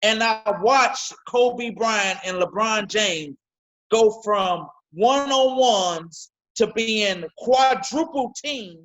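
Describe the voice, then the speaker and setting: A man co-hosting a sports podcast, talking casually and emphatically and repeating words when he gets excited. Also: high voice, very slow, lo-fi sound. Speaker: podcast co-host. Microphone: video call.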